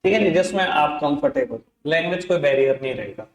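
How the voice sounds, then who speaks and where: A man teaches an accounts lesson, coaxing his students and calling them by pet names. His voice sits a little high. The classroom around him is echoey. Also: animated, quick pace. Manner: coaxing, addresses students as beta and babu. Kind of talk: classroom lecture.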